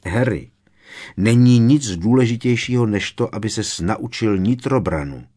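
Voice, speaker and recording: A man reading the lines of a calm but stern adult wizard mentor, measured and firm. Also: lowish voice.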